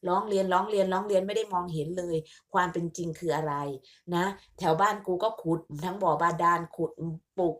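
A woman's voice: fairly low pitch, steady tone, a little fast. A woman ranting in a vlog monologue, scolding and mocking with crude insults in a sarcastic motherly tone. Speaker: online commentator.

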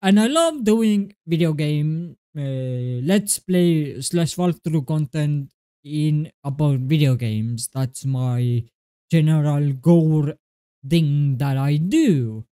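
Young man, Estonian accent, slow deliberate pace, exasperated ranting to a webcam, close mic. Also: on the high side, lively intonation, warm tone, smooth. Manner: exasperated, swearing, slow and halting with restarts. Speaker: gaming video creator. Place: small indoor room at a desk.

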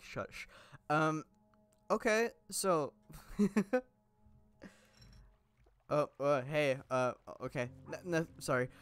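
A man's voice: mid-range voice, a bit bright, smooth, no room sound. A young man giving casual, rambling gameplay commentary, chatty, laughing often, with lots of fillers and restarts, sounding a little sick. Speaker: gaming YouTuber.

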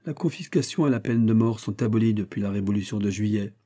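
A man's voice: fairly low pitch, quick pace, mellow, natural voice. A man reading the lines of a drunken rich host, sly yet dull-witted. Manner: sly, heavy.

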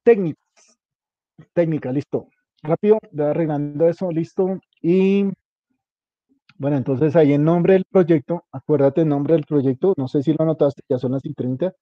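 A man's voice: a little high, normal speed, dry recording, muffled recording. Informal man coaching a student. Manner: informal, coaching, spells out details. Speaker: instructor. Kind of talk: guiding a student through a web page setup.

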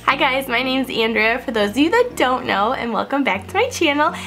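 A beauty vlogger in her twenties sits close to a camera-mounted mic in the upstairs hallway of a house, chatting through a casual haul vlog. Her high-pitched voice is expressive, fairly quick and a bit bright, though scratchy and stuffy from a cold, and she laughs often over soft background music.

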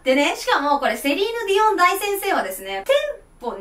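A woman's voice: very high voice, sing-song, fast talker, a bit bright. A young woman teaching a casual singing lesson, chatty and playful, with slangy asides and bits of sung lines. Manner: chatty, playful, slangy, laughs often, breaks into song. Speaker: vocal coach. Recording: echoey room, mic at a distance.

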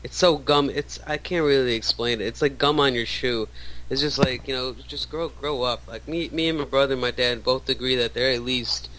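A man's voice: medium pitch, steady tone, moderate pace, a bit bright, a little hiss or hum, rough recording. A man in his thirties, a radio show guest, talking casually with many restarts and fillers. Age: 30s. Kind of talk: casual interview talk.

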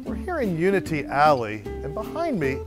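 Lively storytelling tour guide, man. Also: a little high, normal speed, loud music behind the voice. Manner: storytelling, lively, playful asides. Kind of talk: on-camera walking tour presentation. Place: outdoors on historic city streets and alleys.

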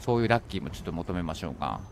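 Lively Japanese man streaming a horror game. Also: sits low, rapid-fire, gravelly, background noise. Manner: thinks aloud while playing, bursts into alarmed shouts. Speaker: gaming streamer. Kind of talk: horror game let's play commentary.

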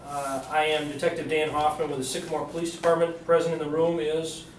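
A man on an old interrogation tape, a police detective working through formal procedure with halting fillers. He sounds set back from the mic in a bare, echoing room. A thin hiss runs under everything. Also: a little high, flat delivery. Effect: interrogation-room tape recording. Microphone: fixed room camera mic. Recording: roomy, distant, faint hiss.

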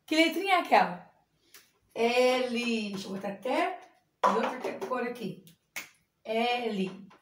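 A woman teacher, giving an animated, sing-song lesson to young children and sounding out letters slowly. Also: high voice. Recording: echoey room.

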